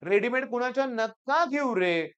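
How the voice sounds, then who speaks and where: A man's voice: extremely high pitch, expressive, measured pace, fairly bright tone, smooth. A middle-aged man, a tutor, giving an emphatic exam-preparation talk to students and telling stories from his classes. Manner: emphatic and urging, tells anecdotes to students. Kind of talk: exam-prep teaching talk.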